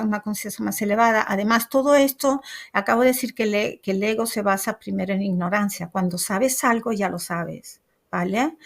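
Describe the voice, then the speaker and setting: Middle-aged female therapist guest, gravelly edge, animated storyteller. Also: mid-range voice. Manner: expressive storyteller, many restarts, acts out quoted speech. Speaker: psychotherapist guest. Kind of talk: conversational interview.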